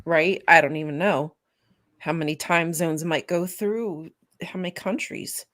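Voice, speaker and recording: A woman's voice: low-pitched, fairly even intonation, measured pace, a bit bright. A female podcast co-host in casual chat, chatty and encouraging.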